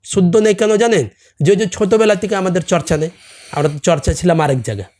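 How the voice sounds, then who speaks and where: A man's voice: high voice, fast, a little mellow. Earnest middle-aged man, non-native Bengali accent. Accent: non-native Bengali, from a Hindi-speaking camp community. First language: Hindi. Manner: earnest, presses with rhetorical questions like "understand?". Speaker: podcast guest, salon owner. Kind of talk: casual chat.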